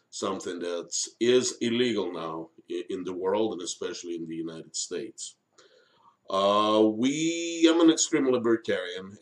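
Slow, halting man hosting a live stream. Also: fairly low pitch. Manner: halting, frequent long hesitations and filled pauses. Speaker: live stream host, independent political commentator. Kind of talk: unscripted monologue to live stream audience.

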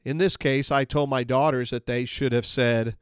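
Male podcast host, earnest and measured instructional read, mid pitch, dry close-mic sound. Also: steady tone, smooth, no echo.

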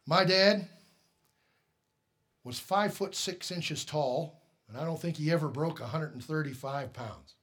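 A middle-aged male pastor preaching a sermon, telling a personal story, shifting from quiet asides to loud, emphatic peaks. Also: on the high side, measured pace, long pauses.

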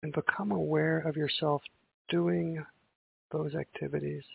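A man leading a guided meditation in a slow, soothing sleep story narrator manner, with long pauses between gentle instructions. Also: a little high, little pitch movement, creaky, slightly rough. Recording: muffled, phone-like narrow sound.

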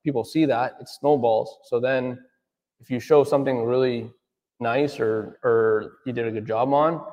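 Unhurried and steady, a medium-pitched male voice with a darkish tone belongs to an auto detailer in his 30s who owns his business. Chatting loosely in an interview, he rambles, uses many fillers and often says "right?", with a long reverb tail on the audio.

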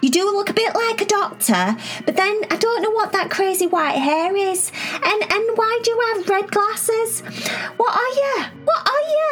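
A woman voicing Cherry, a bubbly, excitable young girl who rambles on in a squealing high voice. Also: normal speed. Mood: gushing.

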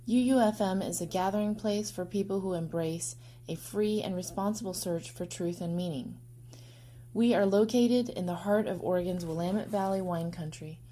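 A woman reading a scripted podcast introduction in a calm, measured way. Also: mid-range voice, slight background noise. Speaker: podcast announcer.

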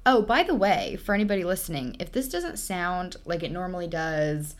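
A woman's voice: on the low side, animated, moderate pace. A young woman hosting a casual podcast chat, bubbly and jokey, talking with a friend. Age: young adult. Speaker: podcast host. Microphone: laptop-less lower-quality setup.

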